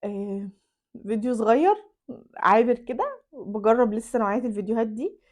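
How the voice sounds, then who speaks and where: A woman with an Egyptian accent giving earnest relationship advice in a soft-spoken, casual way. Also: on the high side, fairly quick.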